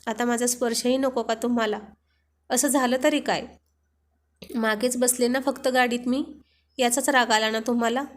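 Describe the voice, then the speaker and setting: A woman's voice: a little high, steady tone, normal speed, pauses often, close to an everyday voice. Woman reading as an emotional young wife. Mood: pleading. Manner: pleading, emotional.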